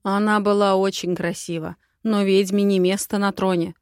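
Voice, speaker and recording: A woman reading an audiobook voices a calm, earnest young dragon prince who speaks with steady persuasion. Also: medium pitch, moderate pace, clean tone, dry recording, studio quality, lightly acted.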